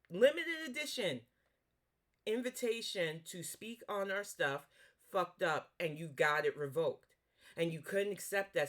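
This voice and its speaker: A woman with a New York accent delivers heated reaction commentary, blunt and swearing freely. Her pitch swings up and down a lot as she scolds. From Northeast US. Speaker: commentary YouTuber.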